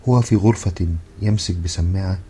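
A man voicing a wife who nags her husband for romance, quoted in an even reading voice. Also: low-pitched, a little fast, slight background noise, lightly acted. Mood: eager. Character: nagging romantic-minded wife.

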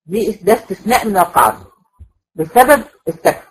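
A woman with an Egyptian accent lectures on Quran recitation, her voice sitting at an ordinary middle pitch. She goes over each rule more than once and keeps checking that her students are following. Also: expressive, brisk, slightly rough, rough recording. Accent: Egyptian Arabic. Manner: patient, repeats points and checks understanding. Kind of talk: classroom lecture.

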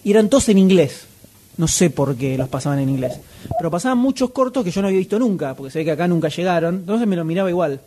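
A man's voice: sits high, animated, fast, warm tone, a little hiss or hum. A young man with an Argentine accent hosting a podcast, joking and steering the casual chat. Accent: Argentine Spanish. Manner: joking, talkative, drives the conversation. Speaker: podcast host.

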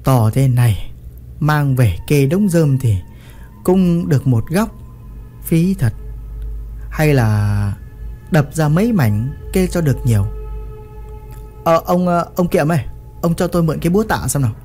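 A man's voice: fairly high pitch, animated, measured pace, long pauses, dark tone, faint music behind. A man doing a thrifty, chatty old neighbor. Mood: musing.

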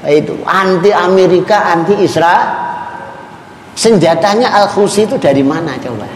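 A middle-aged man, giving a religious lecture, slow and emphatic, asking his audience questions. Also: sits high. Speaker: Islamic preacher. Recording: echoey hall recording, faint noise.

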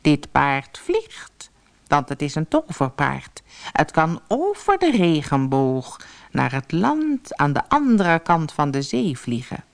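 A woman voicing an ugly, spiteful male dwarf in a storybook reading, speaking slowly and slyly with a menacing edge. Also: low-pitched, wildly swooping pitch, gravelly, voice pushed down, full character voice. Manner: slow, sly and menacing.

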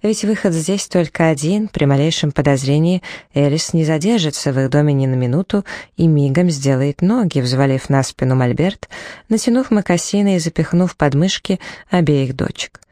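A woman's voice: deep voice, lively intonation, normal speed, warm tone, dry recording. Woman, audiobook reader, first-person novel narration, dramatic, dry close recording. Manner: dramatic, voicing dialogue in the telling.

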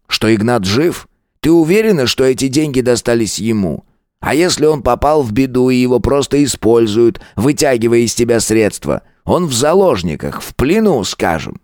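A man's voice: mid-range voice, animated, moderate pace, a little mellow, no echo, studio quality, voice pushed up, lightly acted. Man doing a stern, sarcastic older husband. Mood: measured. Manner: curt, cold, mocking.

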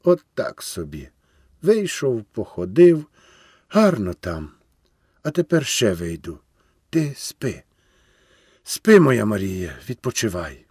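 A man reading a storybook and voicing a grieving, resigned old peasant man who speaks tenderly and haltingly. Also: lowish voice, very animated, darkish tone, breathy edge, no room sound, studio quality, full character voice.

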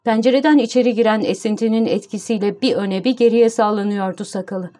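A woman's voice: a little high, fairly even intonation, mellow. Woman reading an audiobook. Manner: measured storytelling. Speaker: audiobook narrator. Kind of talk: scripted narration.

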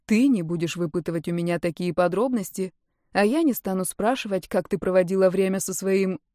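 A woman's voice: mid-range voice, fairly quick, dark tone, dry recording, natural voice. A woman reading a curt, decisive young man. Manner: dry and matter-of-fact.

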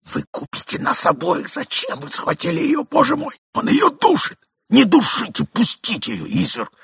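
A young man in hiding hisses his words in an urgent whisper, a man reading the part. The voice is husky and dry, like a storybook reading. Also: extremely high pitch, huge pitch swings, normal speed, fairly bright tone, no echo, pitched above the performer's own voice, full character voice. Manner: tense whisper.

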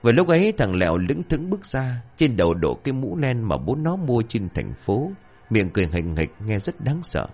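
A man narrating a ghost story with lively, expressive storytelling. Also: medium pitch, moderate pace. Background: faint music.

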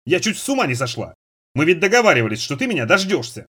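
A fiery young woman who scolds in loud, high, tearful outbursts, as a male reader puts her on. The voice is husky and swings widely in pitch, like a storybook heroine pushed to the edge. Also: big pitch swings, quick pace, heavily acted. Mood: scolding, tearful.

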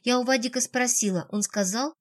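A woman's voice: a little high, a little fast, lightly acted. A woman reading an audiobook, voicing an urgent young woman who explains and reassures. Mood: recounting.

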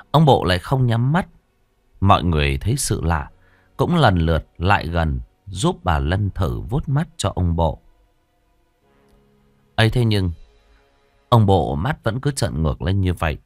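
Male audiobook narrator, very low voice, lively melody, dry close sound, dramatic ghost story. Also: no echo.

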